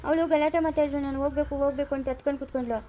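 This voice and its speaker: Grown son getting told off by his dad, high quick voice, making excuses, woman plays him. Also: steady tone, dark tone, a little hiss or hum, close to an everyday voice. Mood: defensive. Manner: defensive, excusing himself. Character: meek grown son being scolded. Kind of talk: family drama skit.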